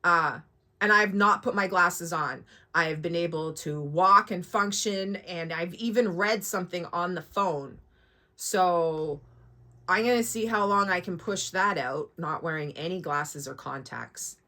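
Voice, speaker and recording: A forty-nine-year-old woman with a lowish voice speaks at a measured pace, her tone pushed and bright, in a casual vlog. Sore and a little shaken after surgery, she's candid and sweary, rambling with asides.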